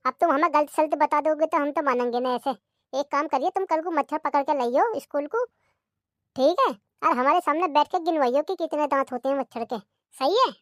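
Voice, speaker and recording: A woman's voice: high-pitched, brisk, no room sound, clean studio sound, lightly acted. A woman voicing a cheeky, argumentative schoolchild in a cartoon comedy, talking back to the teacher.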